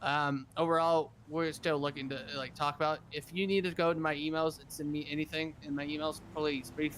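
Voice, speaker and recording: A man's voice: fairly high pitch, level tone, a little fast, a bit bright, a little hiss or hum. A man playing a governor in a casual roleplay chat, rambling and repeating himself as he talks over others.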